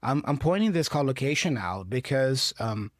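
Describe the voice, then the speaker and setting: A male English teacher with a Brazilian Portuguese accent, Portuguese being his native language, patiently breaks down English phrases from a clip for learners while checking in frequently. His mid-range voice swings widely in pitch at a normal speed. The sound is dry and studio-clean.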